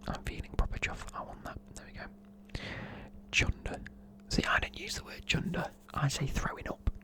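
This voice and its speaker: A presenter from the United Kingdom explains slang in an ASMR-style whisper, with a British accent and an informal, chatty, matey manner. The delivery is moderately paced and sounds pushed and bright.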